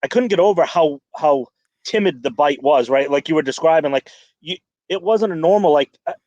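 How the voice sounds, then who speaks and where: A man's voice: fairly high pitch, brisk, darkish tone, no echo. Rambling man, dull dry recording. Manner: rambling, many restarts and fillers. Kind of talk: casual podcast chat.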